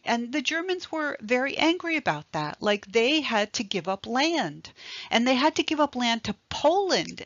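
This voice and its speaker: A woman giving a recorded history lecture, explaining slowly and with emphasis, spelling out terms and stressing key words. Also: medium pitch, fairly bright tone, no echo. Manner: slow, deliberate, emphatic explaining. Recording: dry, slightly dull lo-fi recording.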